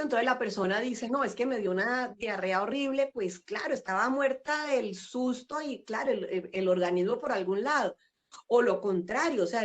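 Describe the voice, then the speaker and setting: A middle-aged woman, talking reflectively as a guest in an interview over a video call. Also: on the high side. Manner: warm, reflective, with frequent fillers and laughs. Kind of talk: casual interview conversation.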